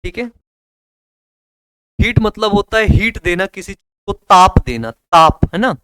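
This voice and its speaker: A man's voice: high-pitched, expressive, a little slow, fairly bright tone, clean tone, dry recording. A young man with a Hindi accent teaching biology in a casual, joking way, asking students questions and repeating answers. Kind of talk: casual classroom lecture.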